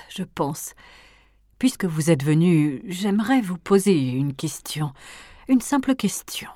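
A woman voicing a cold, menacing elderly aristocratic grandmother in an audiobook, speaking in hushed, often whispered tones that swell into threats. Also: sits low, no room sound, clean studio sound, exaggerated voice. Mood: probing. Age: older. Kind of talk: audiobook character reading.

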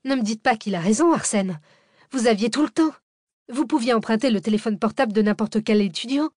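A woman voicing a sharp, irritable young woman scientist who talks in a sarcastic, exasperated way. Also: on the high side, brisk, no echo, clean studio sound, close to an everyday voice. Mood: scornful.

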